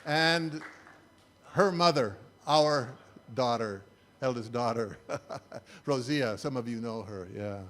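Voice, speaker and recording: A man's voice: mid-range voice, slow pace, long pauses, a bit bright, slight background noise. An older man, a church speaker, giving a sermon-style talk with slides in a wry, incredulous, conversational way.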